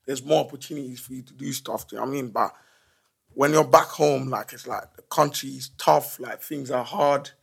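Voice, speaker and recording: A young man from Nigeria chatting casually as a podcast guest, relaxed and laid-back, repeating phrases as he talks. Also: medium pitch, fairly quick, creaky, husky. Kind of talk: casual chat.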